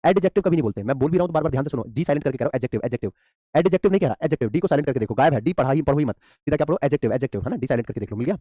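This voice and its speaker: Male English teacher, rapid-fire delivery, mellow tone, quizzes students and answers himself. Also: medium pitch, animated, no echo, studio quality. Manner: addresses students as beta, asks and answers his own questions. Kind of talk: online grammar class.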